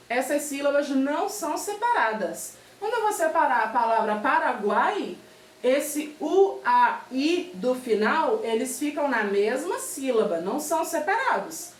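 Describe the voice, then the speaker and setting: A woman's voice: high-pitched, animated, unhurried, slight background noise. A Brazilian woman teaching a remote primary school lesson, patiently spelling out examples and checking in with her pupils. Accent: Brazilian Portuguese. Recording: echoey room, far from mic.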